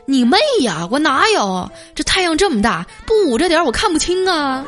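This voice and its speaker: A woman's voice: high-pitched, very animated, a little fast, fairly bright tone, soft background music, some chatter behind, pitched above the performer's own voice. A woman voicing a henpecked, pleading young husband in a comic story. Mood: protesting.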